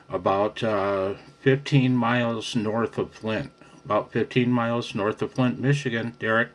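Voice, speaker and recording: An American amateur radio operator, filming for his channel on a handheld phone, chats casually and warmly in a ham radio conversation. His voice is fairly low yet a bit bright. He chuckles a lot and keeps saying "man."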